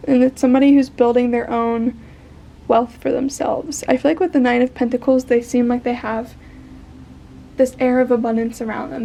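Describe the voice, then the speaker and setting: A young woman giving a casual tarot card reading, tired and a bit croaky, chatty and rambling with fillers and soft laughs. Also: sits high, slight background noise. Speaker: tarot reader.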